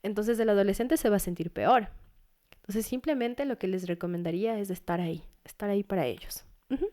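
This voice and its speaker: An earnest woman psychologist talks through her advice at a medium pitch. She speaks plainly and steadily, and now and then slips into the voices of worried parents. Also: fairly quick, dark tone. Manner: earnest, advising, acts out parent and teen voices. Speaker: psychologist guest. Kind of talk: casual interview talk.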